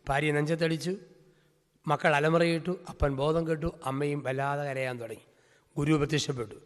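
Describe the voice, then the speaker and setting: Priest preaching with a lively storyteller's rhythm. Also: male voice, fairly high pitch, moderate pace. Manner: vivid storytelling with rhythmic lists. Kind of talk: storytelling sermon. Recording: reverberant hall.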